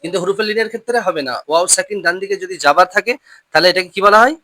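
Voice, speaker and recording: Patient teacher with a bright, crisp voice. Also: mid-range voice. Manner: patient, repeats questions, slows down to model pronunciation. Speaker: Quran reading teacher. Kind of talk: lesson with call-and-response drilling.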